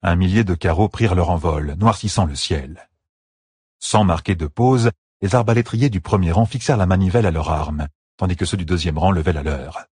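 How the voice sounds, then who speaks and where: A man narrating a fantasy battle audiobook with steady, dramatic storytelling. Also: low-pitched, brisk, husky, no room sound, clean studio sound.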